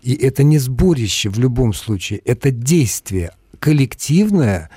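A man with a mellow, darker voice, explaining pronunciation and usage in a measured, lecturing manner. The studio sound is dry and close, with no room around it. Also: mid-range voice, sing-song, husky, dry recording. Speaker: language expert on a radio call-in show. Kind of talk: explanatory radio talk.

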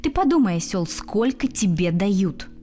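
A woman voicing a fat, pompous gentleman doctor who speaks in a condescending, blustering way. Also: medium pitch, sing-song, measured pace, soft background music.

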